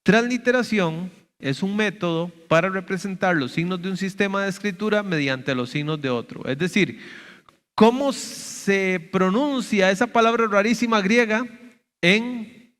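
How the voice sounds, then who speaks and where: A man's voice: sits high, animated, unhurried, fairly bright tone, long reverb tail. A male pastor teaching a sermon, explaining step by step and often checking with "¿verdad?". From Costa Rica. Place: church sanctuary.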